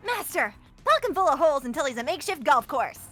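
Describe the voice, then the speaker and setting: A woman's voice: high voice, sing-song, fast talker, fairly bright tone, faint music behind. A woman voicing a cheeky, bossy female death spirit with playful, showy teasing, in a game fan dub. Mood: eager.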